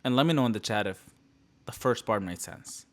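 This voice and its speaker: A young Middle Eastern motivational speaker delivers a passionate live talk to his audience, repeating phrases and swinging between loud bursts and hushed, quiet lines. His voice is fairly low, expressive, and brisk.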